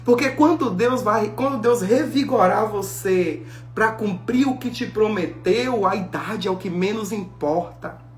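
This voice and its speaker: A woman preaching a sermon, telling the story with lively acted-out dialogue. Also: medium pitch, unhurried, a little hiss or hum. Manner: animated storytelling, acting out biblical dialogue. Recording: echoey room with faint music.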